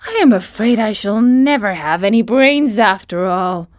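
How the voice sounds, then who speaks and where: A gentle, forlorn scarecrow made of straw laments in a wavering voice that rises and falls, as a woman reader puts him on. The delivery is uneven and pushed, close and dry. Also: mid-range voice, lively intonation, normal speed, no echo, close to an everyday voice.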